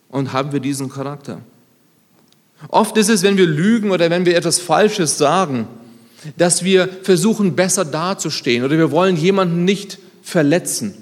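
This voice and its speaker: A fairly high-voiced man in his thirties preaches a conversational sermon with self-deprecating asides. His delivery swings from loud emphasis to hushed, low lines. A long hall reverb trails each phrase. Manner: lively, shifts between loud emphatic and quiet low lines.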